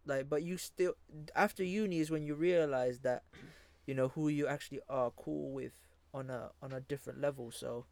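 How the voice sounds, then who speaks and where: A man's voice: medium pitch, steady tone, normal speed, creaky, a little mellow, dry recording. A man, chatting casually in sweary slang and agreeing in repeated bursts.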